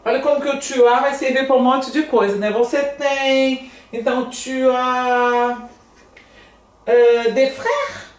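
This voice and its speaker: A woman with a Brazilian Portuguese accent who teaches French, explaining in a chatty, animated way and often asking "né?". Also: sits high, a little slow. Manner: chatty, animated, asks "né?" a lot. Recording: echoey room, somewhat distant mic.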